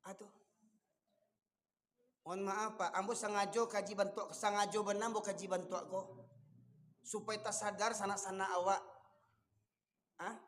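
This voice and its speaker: A man's voice: high-pitched, little pitch movement, moderate pace, long pauses, slight background noise. Fiery Minangkabau-accented man preaching. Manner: fiery, scolding, rising to shouts. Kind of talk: sermon. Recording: long hall reverb.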